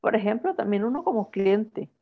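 Lively woman telling stories. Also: medium pitch, normal speed, phone-quality sound. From Guatemala. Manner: animated storyteller who acts out dialogue. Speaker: podcast co-host. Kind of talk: casual chat.

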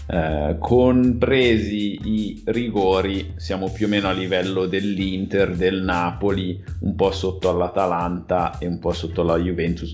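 A man's voice: low-pitched, a little mellow. A man hosting a podcast with casual football chat, thinking aloud in a hesitant, rambling way. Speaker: podcast host.

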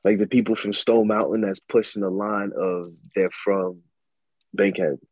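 A young man talks in a relaxed, musing way, dropping slang in a casual chat. His voice is low and a little husky. The recording is dry, with no room echo. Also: a little slow. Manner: laid-back, musing, slangy.

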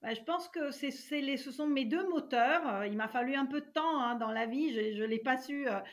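Italian-born woman, higher voice, reflective. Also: normal speed. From Italy. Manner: reflective, with many fillers. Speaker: guest. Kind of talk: interview answers. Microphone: remote call.

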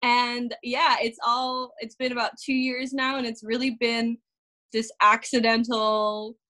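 A woman's voice: fairly high pitch, little pitch movement, unhurried, bright, forceful tone. A woman from the Netherlands, in her thirties, chatting as a podcast guest, with many fillers and frequent laughs. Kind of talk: casual interview chat.

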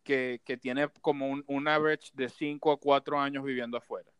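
A young man from Maracaibo, Venezuela, with a Zulian accent, telling stories in animated, slangy casual chat as podcast co-host. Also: medium pitch, a little fast, clear, resonant tone, dry recording.

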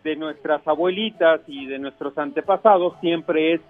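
A man with a Mexican accent, a chef on radio, explaining and chatting casually in a halting way. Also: on the high side, no room sound, narrow, tinny audio, faint music behind. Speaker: chef giving radio cooking tips.

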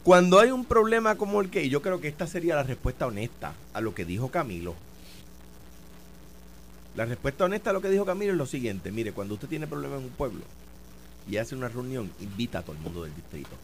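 A man's voice: medium pitch, expressive, a little fast, a little hiss or hum. A man with a Puerto Rican accent in a heated political debate, insistent and repeating his points to press them. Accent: Puerto Rican Spanish. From Puerto Rico. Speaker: political commentator, former governor.

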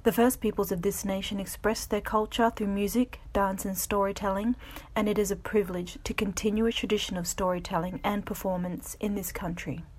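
A woman's voice: mid-range voice, steady tone, fairly quick, hardly any pauses, darkish tone, a little hiss or hum. Solemn woman reading formally. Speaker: announcer. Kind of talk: formal scripted acknowledgement.

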